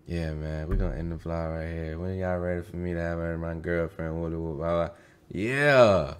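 A man's voice: deep voice, moderate pace, smooth. A man hosting a live stream, reacting to a video in a laid-back, slangy way and talking to his viewers over a headset mic. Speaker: livestream host reacting to a video. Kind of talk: casual live reaction commentary.

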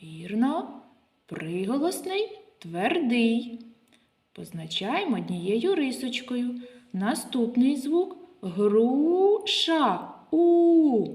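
A woman's voice: fairly high pitch, mellow. A woman kindergarten teacher speaking Ukrainian with a local accent, leading a literacy lesson for small children and asking them questions. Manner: slow, sing-song teacher talk with questions to children.

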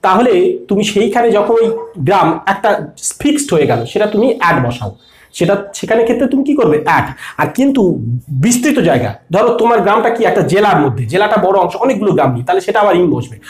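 A teacher works through grammar rules at a middling pitch. The teacher asks the class a question and then answers it, patient and steady. The voice rings in an echoey room. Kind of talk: exam-prep lesson.

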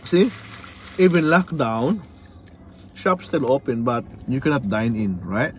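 A middle-aged Filipino-accented man talking casually from inside a car, his voice sitting at an ordinary pitch for a man. He coaxes and prompts in a patient, fatherly way. Faint car and street noise hums behind him. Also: very animated, a little slow. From Philippines. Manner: coaxing, prompting a child to repeat phrases. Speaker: father and vlog host. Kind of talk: casual family vlog chat. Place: inside a car at a drive-through.

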